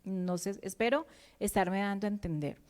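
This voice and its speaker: A woman's voice: medium pitch, moderate pace, darkish tone. A woman psychologist, explaining emotional health in a conversational way and speaking directly to her listeners.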